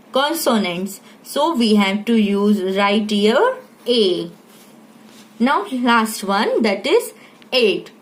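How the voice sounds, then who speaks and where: A woman teacher with an Indian English accent, who talks slowly and spells out letters and asks questions as she walks through a beginner English lesson. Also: fairly high pitch. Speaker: primary school English teacher. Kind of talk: slow classroom lesson.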